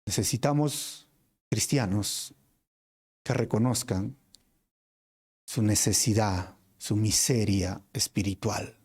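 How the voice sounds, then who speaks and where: A pastor preaching a sermon with a Peruvian Spanish accent, earnest, swinging between emphatic lines and hushed ones and calling the listeners brothers. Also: male voice, on the low side, fairly even intonation, slow pace, pauses often, husky. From Peru.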